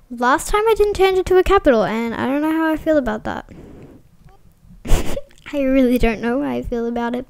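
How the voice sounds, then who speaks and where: A woman giving casual, chatty gameplay commentary as a vlogger, excitable and full of fillers. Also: high voice. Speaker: gaming vlogger.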